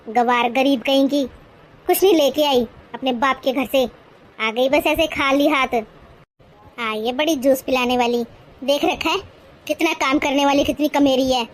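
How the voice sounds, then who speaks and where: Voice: extremely high pitch, darkish tone. A voice actor playing a greedy, domineering middle-aged mother-in-law in a cartoon, scolding and boasting sharply.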